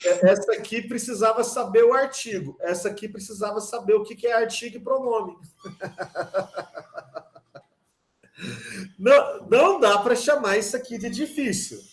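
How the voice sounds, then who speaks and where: Lively Brazilian teacher in an echoey room. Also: male voice, high-pitched, measured pace, pauses often. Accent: Brazilian Portuguese. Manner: lively, talks straight to students, teasing asides. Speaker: Portuguese language teacher. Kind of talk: online class lecture. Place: online video class.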